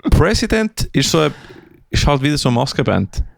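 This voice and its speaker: A man's voice: fairly high pitch, big pitch swings, moderate pace. A man co-hosting a casual podcast chat, laid-back and drawling, dropping English words. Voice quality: gravelly. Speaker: podcast co-host.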